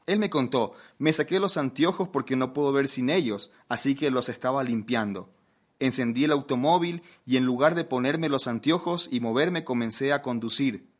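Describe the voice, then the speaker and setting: A man's voice: mid-range voice, normal speed. A man preaching a sermon, telling a funny anecdote and asking his listeners questions. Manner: lively anecdote-telling, asks the audience questions. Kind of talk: humorous sermon storytelling.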